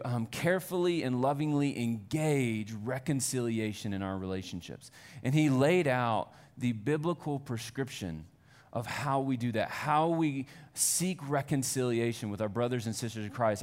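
A male pastor with a medium-pitched voice delivers a Sunday sermon in church. He starts out conversational and self-deprecating, then builds to earnest fervor.

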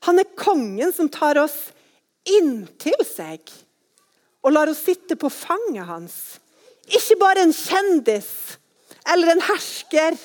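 Brief: high-voiced woman, children's Bible storyteller, lively and expressive. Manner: lively, animated, shifting to hushed whispers.

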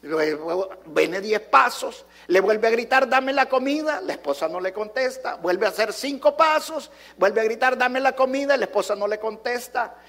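A man's voice: high voice, animated, normal speed, few pauses, fairly bright tone. A pastor, a man, preaching a sermon with emphatic repetition and rhetorical questions put straight to the congregation. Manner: addresses the congregation directly.

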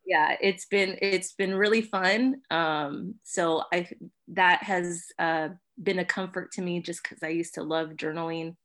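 A young woman sharing her personal story at church, hesitant and full of fillers, with soft laughs. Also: fairly low pitch, steady tone, unhurried. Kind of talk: personal testimony.

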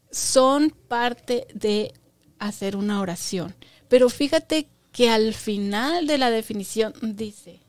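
A woman's voice: on the high side, dry recording. A woman teaching a Bible lesson to children, patiently asking them questions and stressing key words by repeating them.

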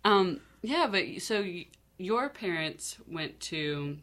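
Low-voiced woman from north carolina, chatty, laughs a lot while telling stories. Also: expressive, slow, fairly bright tone. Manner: laughs often, rambling storytelling with fillers. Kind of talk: casual chat.

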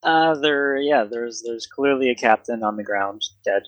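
A man runs a tabletop game in a casual, halting way. His voice is mid-pitched and recorded dry, as he describes scenes and fields questions from players. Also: dry recording. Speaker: game master.

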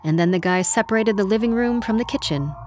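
A woman narrating a literary story in a measured, wry storytelling manner. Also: mid-range voice, background noise. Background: music.

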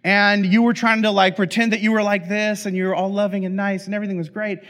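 A man's voice: high voice, level tone, fast talker, fairly bright tone. A middle-aged man, a pastor, telling a funny family story in a sermon, talking casually with many fillers and restarts. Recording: long hall reverb.

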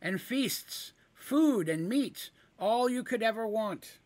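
A quick-witted little huntress with a raised, high voice, as a man puts her on. She coaxes and bargains fast in a fantasy audio tale. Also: lively intonation, a little mellow. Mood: coaxing. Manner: quick, coaxing. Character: quick-witted small woman hunter.

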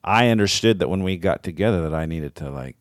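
A man's voice: low voice, animated, fast talker, no echo, studio quality. A man co-hosting a podcast in casual chat, reflective and searching for words with many fillers. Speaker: podcast co-host.

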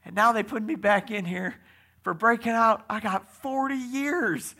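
A man putting on a high, dismayed convict. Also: unhurried, pushed and bright, full character voice. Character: despairing adult male escaped convict.

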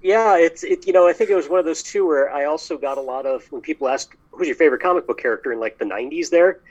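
A man hosting a podcast in casual chat, telling stories in a lively, animated way. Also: on the high side, fast. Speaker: podcast host. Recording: dull lo-fi sound.

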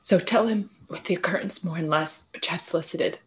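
A woman's voice: mid-range voice, a little slow, slight background noise, natural voice. Woman as dying prince Hamlet, faint deathbed voice. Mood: fading, dying. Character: dying young prince Hamlet, anguished and urgent. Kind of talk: Shakespearean tragedy acting.

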